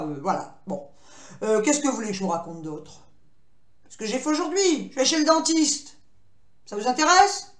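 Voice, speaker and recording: A chatty woman talks straight to her viewers from her computer desk at home, rambling from one small topic to the next. Her voice sits a little high. It rings around a roomy, echoey space, and she keeps teasing herself as she goes. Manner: rambling, talkative, self-mocking. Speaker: vlogger. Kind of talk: casual chatty vlog monologue.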